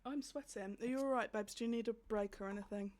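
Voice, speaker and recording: A woman's voice: medium pitch, steady tone, quick pace, darkish tone. A young woman hosting a casual podcast chat, giggly and encouraging toward her guest. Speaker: podcast host.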